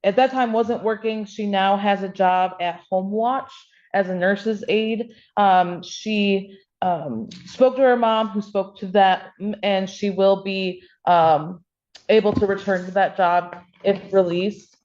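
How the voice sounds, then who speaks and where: A woman's voice: mid-range voice, fairly even intonation, slow pace, darkish tone, lo-fi sound. Hesitant female lawyer in courtroom audio. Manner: hesitant, many ums. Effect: courtroom recording. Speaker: public defender. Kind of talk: arguing in court.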